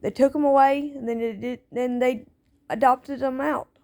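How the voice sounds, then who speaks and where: A woman's voice: high-pitched, fairly even intonation, normal speed, mellow. A woman speaking out as a parent in a personal monologue, plaintive and aggrieved, repeating herself with nonstandard grammar. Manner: plaintive, aggrieved, repetitive phrasing.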